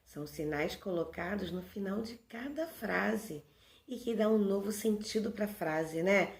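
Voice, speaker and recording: A woman with a Brazilian Portuguese accent teaches young children a recorded review lesson, speaking slowly and unhurriedly. She patiently asks questions and then answers them herself. Her voice sounds roomy and echoey, as if recorded in a bare room. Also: medium pitch, lively intonation. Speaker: primary school teacher.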